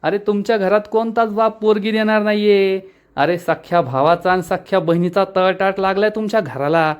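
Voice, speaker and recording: A man plays a scheming uncle from a TV serial, speaking with scorn. The voice sits somewhat high for a man and sneers through each line. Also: a little fast, clear, resonant tone, close to an everyday voice. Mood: taunting. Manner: taunting, scornful.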